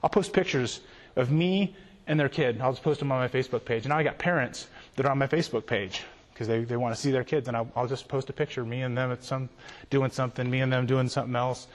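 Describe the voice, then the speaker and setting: A man speaking as a youth pastor, telling stories in an animated way and often repeating himself. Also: mid-range voice, fast. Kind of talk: storytelling conference talk. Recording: long hall reverb.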